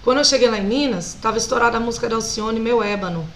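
A woman's voice: fairly high pitch, fast talker, slight background noise, poor audio. Brazilian woman singer telling stories. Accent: Brazilian Portuguese. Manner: animated, laughs often while telling stories. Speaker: singer, interview guest. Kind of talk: casual storytelling interview.

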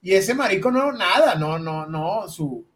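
High, lively Venezuelan man teasing friends. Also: measured pace, crowd noise. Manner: playful teasing, lively storyteller. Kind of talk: casual chat among friends.

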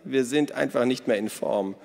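A man's voice: medium pitch, normal speed, gravelly, a little mellow, pitched above the performer's own voice. A man voicing a boisterous, greedy middle-aged woman in a read-aloud storybook, teasing and cackling as she talks. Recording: long hall reverb.

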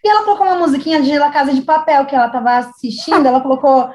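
Uma jovem mulher com sotaque brasileiro contando uma história de forma animada, imitando as vozes das pessoas da história. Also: female voice, sits high, very fast. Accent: Brazilian Portuguese. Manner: animated, acts out quoted voices. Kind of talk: casual storytelling chat. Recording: echoey room.

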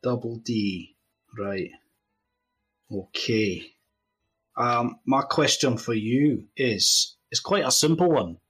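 Man doing a husky, dry tavern owner. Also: medium pitch, takes it slowly, long pauses, fairly bright tone, faint music behind, rough recording. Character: gruff older male tavern owner interviewing staff.

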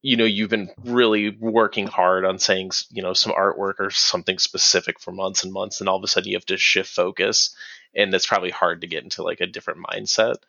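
Gravelly, low man on a dull mic. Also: little pitch movement, fairly quick, bright, forceful tone, no room sound. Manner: joking, laid-back. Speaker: podcast co-host. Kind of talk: casual gaming podcast chat.

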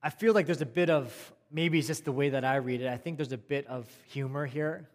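A man preaching a sermon in a conversational way, repeating phrases and swinging between raised emphasis and quiet, soft passages. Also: medium pitch, fairly quick. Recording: long hall reverb.

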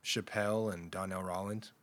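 A man's voice: low voice, fairly even intonation, normal speed, fairly bright tone. A man co-hosting a podcast in casual chat, thinking aloud and musing over questions.

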